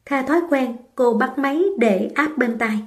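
A woman narrating a romance novel in a steady, even reading voice. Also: sits high, moderate pace. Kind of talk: scripted audiobook narration.

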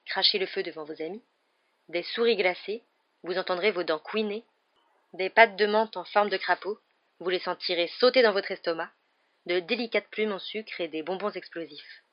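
A woman reading an audiobook in an even, measured storytelling manner, in a dull lo-fi recording. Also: on the low side. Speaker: audiobook reader. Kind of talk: audiobook narration.

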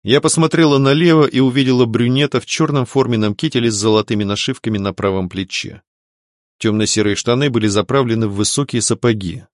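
A man giving expressive first-person narration of an audiobook. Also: mid-range voice, fast, dry recording, studio quality.

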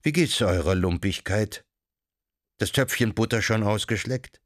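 A man reading an audiobook and voicing a proud, mocking middle-aged veteran who taunts slowly and with relish. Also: lowish voice, no echo, clean studio sound, close to an everyday voice. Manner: slow, relishing mockery. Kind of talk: audiobook character voice.

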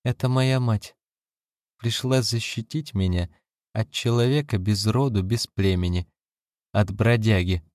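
A man reading an audiobook, voicing a furious, defiant young wife who shouts scornfully and rises into shrill cries. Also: a little slow, no echo, clean studio sound, lightly acted. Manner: shrill, scornful, rising to screams.

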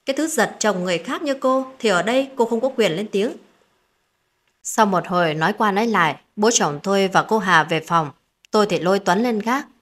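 A woman's voice: fairly low pitch, fairly bright tone. A woman telling a first-person family drama story in a dramatic reading style. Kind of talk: scripted narration.

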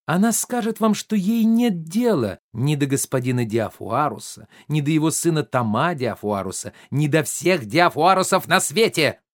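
A man's voice: on the high side, animated, moderate pace, hardly any pauses, dry recording, clean studio sound, close to an everyday voice. A man voicing a grumpy, bossy older invalid father in a play reading, blustering and irritable. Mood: stubborn.

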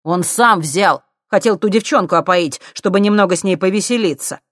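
A woman reading an audiobook, voicing a panicky, whining young man who shouts and pleads. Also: mid-range voice, normal speed, no room sound, studio quality, pitched above the performer's own voice, close to an everyday voice. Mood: defensive whining. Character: drug-dealing young man, whiny, panicky, loud.

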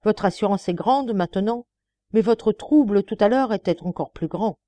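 A woman's voice: medium pitch, normal speed, dark tone, no room sound, lightly acted. A woman reading the part of a stern, commanding male examining magistrate. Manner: curt, commanding.

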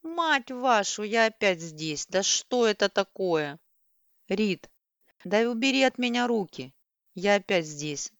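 A woman's voice: medium pitch, very animated, slow, smooth, dry recording, clean studio sound. A woman voicing a distraught young woman who is crying and pleading. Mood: frantic shouting.

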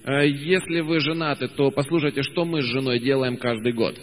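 A man's voice: medium pitch, fairly even intonation, brisk, slight background noise. Hesitant male interpreter in a hall. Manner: hesitant, many filler sounds and self-corrections. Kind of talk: consecutive interpretation.

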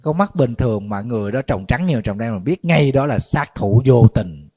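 A man, a Buddhist monk giving a conversational dharma talk, a little tired, animated when he tells stories. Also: medium pitch, brisk, husky. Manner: conversational storytelling, animated when retelling shouting.

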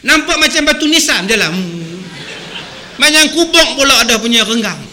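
A man delivers a humorous sermon, animated and playful, acting out little voices as he goes. His voice sits high and sounds very bright and forceful. A faint hiss runs under the recording. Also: moderate pace. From Malaysia. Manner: animated, sings song snippets and acts out voices. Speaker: preacher.

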